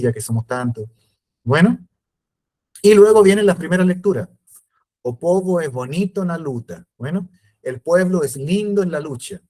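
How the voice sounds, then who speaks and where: A man's voice: medium pitch, a little mellow. A man teaching a virtual class, explaining step by step and checking in often with his students. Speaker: lecturer. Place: home, video call. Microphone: computer mic on video call.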